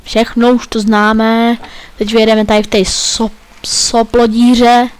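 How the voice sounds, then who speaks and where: A man's voice: very high-pitched, little pitch movement, slight background noise. A man giving playful, joking commentary while playing a video game. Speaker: let's play gamer.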